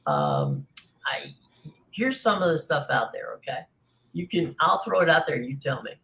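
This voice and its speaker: A man's voice: a little high, wildly swooping pitch, moderate pace, creaky, pushed and bright, poor audio. A man hosting a casual sports talk show, rambling with many fillers.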